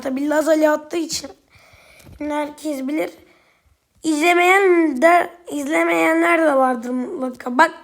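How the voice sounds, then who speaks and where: A woman with a high, light voice narrates her gameplay in a casual commentary. She flares up and swears at opponents easily, then turns to chat directly with her viewers. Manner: quick to anger, swears at opponents; chatty, addresses viewers directly. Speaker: gaming YouTuber.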